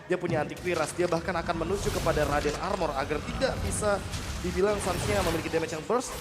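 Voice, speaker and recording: A man's voice: a little high, quick pace. A man giving analytical live commentary on an esports match. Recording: echoey sound, loud music behind.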